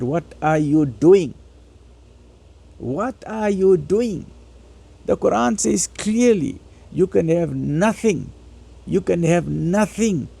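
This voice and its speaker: A man delivers a motivational religious lecture in a raspy, gravelly voice, urging listeners emphatically and repeating phrases for stress. His pitch is on the high side and his tone is warm.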